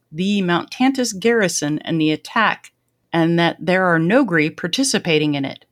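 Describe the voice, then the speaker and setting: A woman with a slightly low voice recaps a book's plot in a relaxed podcast conversation. She talks casually and pokes fun at herself as she shares her reactions. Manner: chatty, self-deprecating. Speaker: podcast host.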